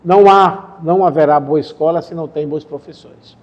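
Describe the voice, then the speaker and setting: An older man from the Sertão of Paraíba in Brazil, calmly recalling his career in an interview, pausing to correct names and dates. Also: on the high side, highs cut off. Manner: unhurried, recounts dates and names, self-correcting. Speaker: interviewee, retired professor and former education official. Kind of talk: reminiscing interview answer.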